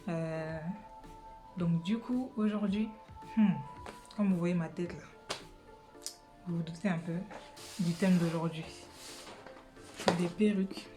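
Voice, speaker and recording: A woman's voice: lowish voice, slow pace, pauses often, over music. Chatty young woman, many fillers. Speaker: beauty vlogger. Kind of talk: casual wig try-on vlog. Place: living room at home.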